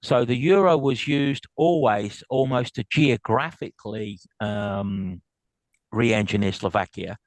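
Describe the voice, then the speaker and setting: A man with a South African accent speaks in a brisk, upbeat way, often restarting his sentences as he explains business points. His voice sits at a middle pitch and sounds dry and close, with no room echo. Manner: quick, upbeat, frequent restarts. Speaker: guest speaker. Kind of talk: business lecture and Q&A.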